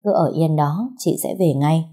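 A woman's voice: low voice, normal speed, warm tone. A woman voicing a worried but firm older sister who shields her younger sibling.

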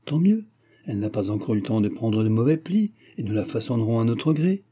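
Man voicing a gruff middle-aged hunter brother, storybook reading, insistent, bluff, very dark tone. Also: medium pitch, big pitch swings, a little fast.

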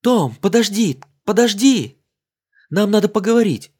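A man's voice: a little high, lively intonation, moderate pace, a little mellow, slightly rough, pitched above the performer's own voice. A man reading an audiobook voices a playful, mocking young English woman in a raised voice. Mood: calling out.

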